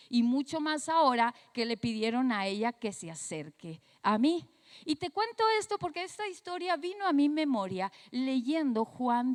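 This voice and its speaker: A woman pastor, slightly hoarse, telling a personal story in a conversational sermon with frequent tag questions. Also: high voice, long reverb tail.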